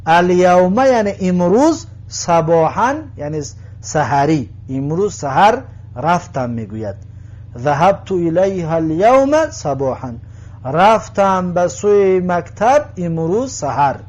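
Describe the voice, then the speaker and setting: A man with a Tajik accent teaching an Arabic lesson, reading each word and repeating its translation slowly. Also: a little high, a little mellow. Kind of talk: recorded language lesson.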